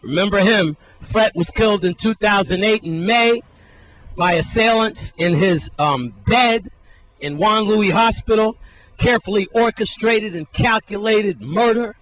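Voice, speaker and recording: A man's voice: sits high, measured pace, fairly bright tone, dry recording, low-quality recording. A man, reporting from the field for a local TV news station, stressing and repeating key words. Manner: emphatic, repeats key words, asks viewers to remember.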